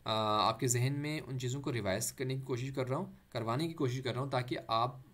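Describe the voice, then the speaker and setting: A man teaches the Arabic letters for Quran reading at an unhurried pace. He repeats each letter patiently and stretches out recited phrases. His voice sits in an ordinary middle pitch and drops English words into his teaching. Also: a bit bright. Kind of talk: letter-by-letter tajweed lesson.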